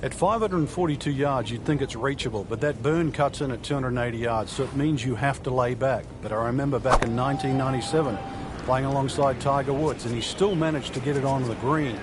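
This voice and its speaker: A man's voice: mid-range voice, fairly even intonation, fast talker. A middle-aged or older man giving golf commentary as an expert former player, explaining the holes and shots. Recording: very noisy outdoor location. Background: loud outdoor ambience.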